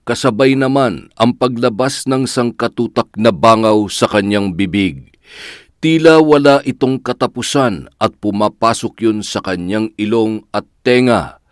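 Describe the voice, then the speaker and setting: A man narrating a scripted horror story in a measured, dramatic storytelling way. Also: medium pitch, clear, resonant tone, no echo, clean studio sound.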